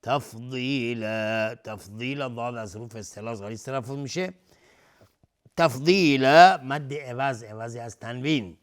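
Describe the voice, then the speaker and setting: A man teaching Quran recitation rules in Persian, chanting each verse slowly and then explaining the pronunciation rules quickly. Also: medium pitch. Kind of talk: Quranic recitation and tajweed lesson.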